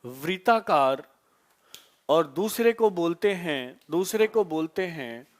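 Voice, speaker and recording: Man, teacher, live online lesson, high voice, slow deliberate delivery, repeats questions for students to answer. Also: expressive. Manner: repetitive call-and-response questioning; drawn-out slow emphasis on key terms.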